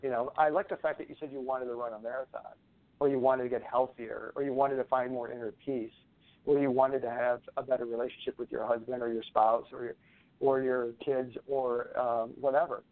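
A man in a relaxed interview, talking at an everyday middle pitch. He rambles and repeats himself and drops in a swear now and then. His voice comes over a thin, phone-like line. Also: brisk. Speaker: guest, natural medicine practitioner. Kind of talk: conversational interview talk.

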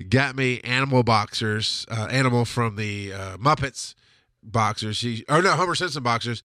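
In this casual monologue, a man speaking in a mid-range voice with a sharp tone rambles through a lengthy personal story on his home-studio podcast. He curses a lot, laughs often, and sounds congested. No room sound is audible.

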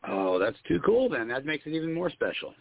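A man calling in to a radio show over a phone line, talking in an excited, quick, rhythmic way. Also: on the high side, gravelly, no echo. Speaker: radio show caller and poet. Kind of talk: casual on-air chat.

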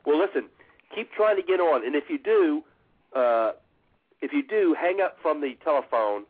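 A man hosting a call-in show in casual talk, halting and often repeating himself. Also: a little high, lively intonation, slightly rough. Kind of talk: casual talk radio chat. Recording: muffled lo-fi internet radio audio.

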